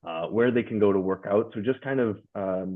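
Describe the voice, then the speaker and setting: A man on a webinar panel, speaking in a relaxed way with lots of ums and uhs over a video call. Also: lowish voice, fast talker. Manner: relaxed, many filler words. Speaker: hospitality company staff manager, panelist. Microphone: video call mic. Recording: tinny phone-like call audio.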